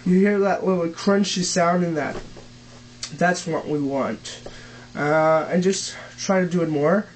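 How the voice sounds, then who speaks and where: A young man who is not a native English speaker, teaching vocal techniques in a casual home tutorial, halting with many fillers and restarts. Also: fairly high pitch, fairly even intonation, noisy background.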